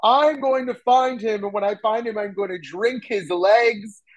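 A man's voice: sits high, measured pace, pitched above the performer's own voice, poor audio. A man voicing a dim-witted male giant who blusters out threats and fumbles for words. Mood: blustering.

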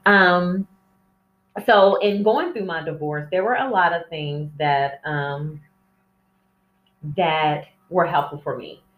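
A woman with a low voice speaks slowly, with long pauses, while hosting a candid, casual solo podcast that rambles and drifts off topic. She's captured from afar by a cell phone in an indoor room with plants, and the echoey space leaves the sound dull.

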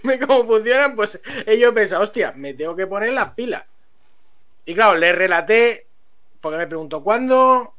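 A man tells a story to friends on a stream. He is animated and laughs often as the tale unfolds. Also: sits high, normal speed.

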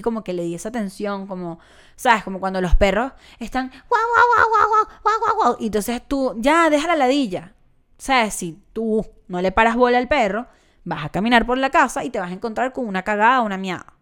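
Venezuelan woman podcaster, young, chatty and self-mocking, smooth clear voice, mid pitch. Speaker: podcast host and comedian. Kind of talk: casual solo podcast monologue.

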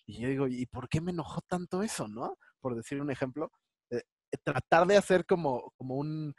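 Reflective man with a higher voice. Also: animated, moderate pace, slightly rough, dry recording, clean studio sound. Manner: reflective, talks through examples. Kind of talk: casual conversation.

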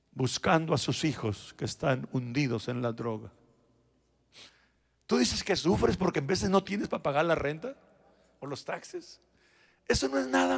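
A man preaching a sermon as pastor in a church, turning from shouted exhortation to quiet, personal words to his flock. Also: a little high, creaky, slightly rough. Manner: swings between shouted exhortation and quiet, intimate asides; addresses the congregation directly and personally. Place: church sanctuary.

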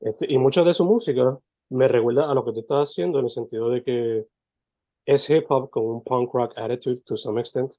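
A man's voice: mid-range voice, normal speed, no echo. Laid-back man hosting a podcast. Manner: relaxed, loose, code-switching between languages. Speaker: podcast host. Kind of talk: casual interview, mixing Spanish and English.

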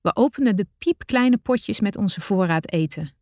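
A woman narrating her own adventure story in the first person, with a measured, deliberate reading style. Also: medium pitch, animated, a little mellow, no room sound, studio quality.

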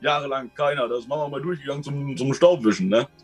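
A man's voice: medium pitch, fast talker, husky, faint music behind. Rambling, colloquial man telling stories. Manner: rambling and colloquial, often ends with a questioning tag. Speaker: guest telling his experiences. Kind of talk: casual storytelling.

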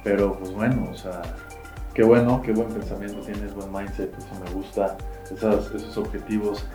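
Low man, roomy podcast sound. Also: level tone, normal speed, warm tone, faint music behind. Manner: rambling, filler-heavy questions. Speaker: podcast host. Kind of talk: casual interview talk.

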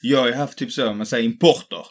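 A man with a mid-pitched voice chats casually on a podcast. He asks questions and laughs as he tells stories.

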